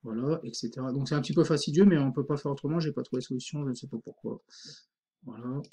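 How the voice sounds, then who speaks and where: A man teaching a screen-recorded software tutorial, informal and thinking aloud, full of fillers. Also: mid-range voice, fast, breathy edge.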